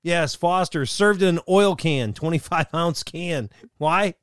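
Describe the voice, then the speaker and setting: A man co-hosting a casual chat show, telling stories in a joking way with quick asides. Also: on the high side, smooth, dry recording, clean studio sound. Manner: jokey storytelling, quick asides and laughs. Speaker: co-host.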